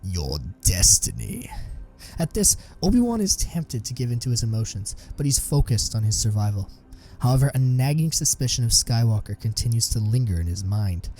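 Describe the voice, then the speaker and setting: A man giving scripted narration of a sci-fi story in an even storytelling manner. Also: medium pitch, brisk, hardly any pauses, faint music behind.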